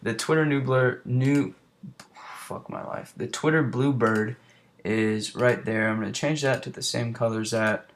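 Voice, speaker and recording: A man's voice: mid-range voice, unhurried, a little hiss or hum. A young man talking casually through a design tutorial, rambling and muttering to himself as he works. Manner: rambling, mutters under breath while working. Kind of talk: casual screen-recorded tutorial.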